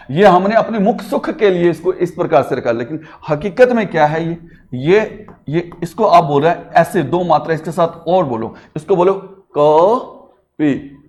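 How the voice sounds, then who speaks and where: High-voiced teacher drawing out sounds. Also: male voice, darkish tone. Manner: stretches and calls out words to demonstrate sounds; speaks to students directly, asking questions. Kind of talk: classroom grammar lesson.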